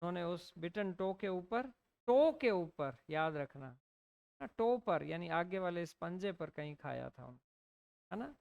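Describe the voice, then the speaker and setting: Woman, Indian English accent, classroom poetry lesson, smooth clear voice, slow drawn-out reading. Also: fairly low pitch, very animated, a little mellow. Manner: reads verse lines slowly, then explains in Hindi. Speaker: English teacher.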